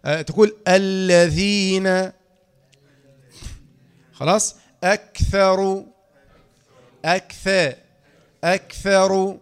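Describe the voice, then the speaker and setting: A man with an Egyptian accent teaching Quranic letter pronunciation to trainee teachers, demonstrating sounds and asking his students questions. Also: fairly high pitch. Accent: Egyptian Arabic. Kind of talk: lecture on tajweed pronunciation.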